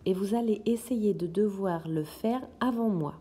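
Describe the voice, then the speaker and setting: A kindergarten teacher speaks in a medium-pitched, unhurried, mellow voice during a recorded lesson for young children. She patiently sounds out words syllable by syllable, with a little hiss or hum in the audio.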